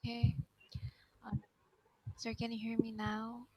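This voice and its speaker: A woman student on a video call, reading a worksheet question aloud in a hesitant, halting way. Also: a little high, monotone, dark tone, low-quality recording.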